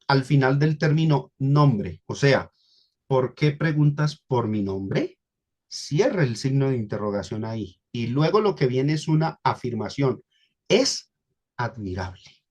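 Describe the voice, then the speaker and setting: A man's voice: mid-range voice, darkish tone. A man with a Colombian accent preaching a Bible study sermon to a congregation, explaining word by word and repeating key phrases for emphasis. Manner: teaching, addresses congregation as brothers, repeats and stresses key words.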